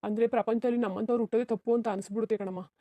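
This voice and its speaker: A woman's voice: a little high, fairly even intonation, racing, no room sound, natural voice. Woman voicing a sorrowful, resigned young husband. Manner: soft, resigned, pleading. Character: sad, self-sacrificing young married man. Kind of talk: cartoon voice acting.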